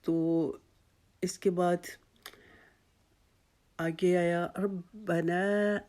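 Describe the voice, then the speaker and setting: A Quran recitation teacher giving a tajweed pronunciation lesson, patiently explaining each sound and then modelling it with slow, drawn-out repetitions of the words. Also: medium pitch, little pitch movement, darkish tone. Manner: patient, explains then demonstrates by slowly repeating each word.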